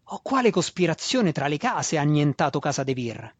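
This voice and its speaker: Storybook role: man playing a desperate, indignant young drow student, pushed high and loud. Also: sing-song, normal speed, slightly rough, no room sound. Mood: shouting. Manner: pleading, indignant, raised voice. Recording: dull dry lo-fi recording.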